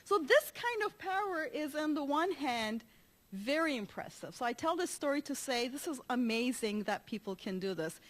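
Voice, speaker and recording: High-voiced animated woman giving a talk. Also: normal speed. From Turkey. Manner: animated storyteller with frequent laughs and restarts. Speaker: conference speaker. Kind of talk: conference talk.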